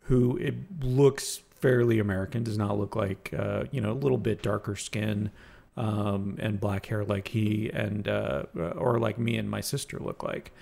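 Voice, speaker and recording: A man in casual conversation, telling a personal story in a reflective, halting way with frequent restarts. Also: fairly low pitch, gravelly, a little mellow.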